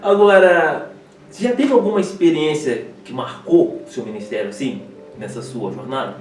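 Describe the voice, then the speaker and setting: A host asks questions in a chatty way and reacts quickly with laughs. His voice sits a little high and sounds distant. It echoes around the room, with faint music behind. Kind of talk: casual interview.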